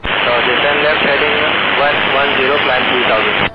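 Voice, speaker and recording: A man's voice: mid-range voice, moderate pace, highs cut off. A man giving procedural, clipped instructions as an air traffic controller over the radio. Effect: radio transmission. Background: loud radio noise.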